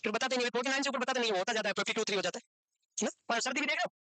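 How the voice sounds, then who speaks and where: A man teaching a medical course, lecturing in a chatty, joking way and quizzing students with quick questions he answers himself. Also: extremely high pitch, pushed and bright, no echo, poor audio. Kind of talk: lecture to a class, mixed with casual chat. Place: classroom with students present and online.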